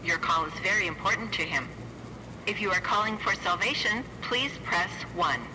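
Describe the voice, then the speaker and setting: Someone doing a polite robotic-sounding phone menu voice, flat and even, hissy line. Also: mid-range voice, normal speed, close to an everyday voice. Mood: polite, automated. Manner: flat, polite recorded announcements. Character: automated phone line operator voice. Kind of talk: comedy sketch phone menu.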